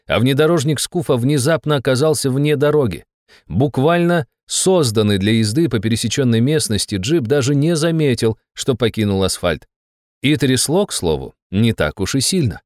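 A man narrating an audiobook in a lively, wry manner. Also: medium pitch, normal speed, no echo, clean studio sound.

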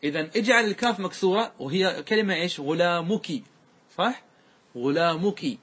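A sheikh, a man, teaches classical grammar in a slightly high, husky voice. He walks through each rule step by step and keeps checking that his listeners are following. When he recites example words, he draws them out slowly. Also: bright, forceful tone. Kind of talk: classical Arabic grammar lesson.

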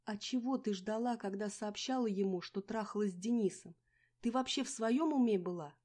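A woman reading a storybook aloud, voicing a blunt, protective young woman friend who scolds loudly. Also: fairly low pitch, steady tone, normal speed, lightly acted. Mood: scolding. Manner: loud and scolding.

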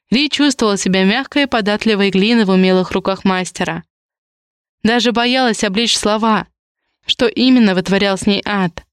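Woman, audiobook narrator, measured reading, smooth voice, dry close sound. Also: mid-range voice, dry recording.

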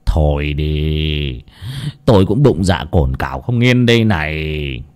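A man voicing a stern, gruff father who reassures his family in a low, curt voice. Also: expressive, slow, darkish tone, full character voice.

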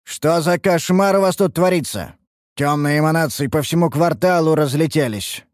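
A man playing a gruff male town guard who barks orders in a fantasy audiobook. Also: a little high, lively intonation, brisk, a little mellow, no echo, clean studio sound, voice pushed up, natural voice. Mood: stern. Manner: barking, commanding.

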